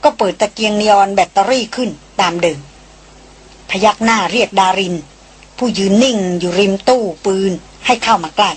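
Husky woman narrating a novel. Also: mid-range voice, normal speed. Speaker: audiobook reader.

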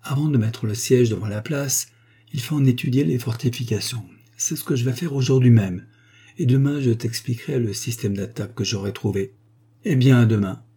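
A man's voice: medium pitch, normal speed, warm tone, slightly rough. A man doing a jovial scheming fixer. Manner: jovial, keeps saying "mon bon". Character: scheming male ex-notary clerk turned fixer. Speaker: character in an audiobook.

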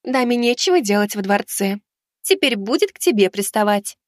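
A man voicing a composed, gently amused female teacher. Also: high voice, lively intonation, normal speed, no room sound, clean studio sound, voice pushed up. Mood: calm.

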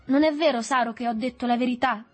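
A woman's voice: on the high side, normal speed, slightly rough, soft background music, pitched above the performer's own voice. A woman voicing a thirteen-year-old boy who protests, confused and indignant, in an audiobook reading. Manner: protesting, bewildered.

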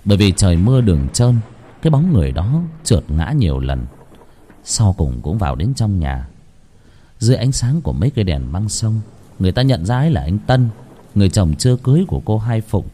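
A man narrating a ghost story in a dramatic, expressive manner. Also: on the low side, a little fast, husky. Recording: faint background music.

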